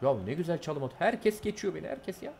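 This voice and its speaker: A young man giving live, excitable commentary on his own gameplay, jumping from calm play-by-play to angry outbursts. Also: on the high side, fast, gravelly, a little hiss or hum. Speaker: gameplay streamer.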